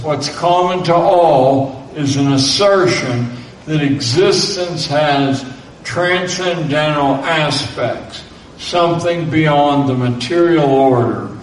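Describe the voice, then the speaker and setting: A man reading a lecture aloud in a measured way, now and then spelling out names letter by letter. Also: on the high side. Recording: roomy, distant mic with faint background noise.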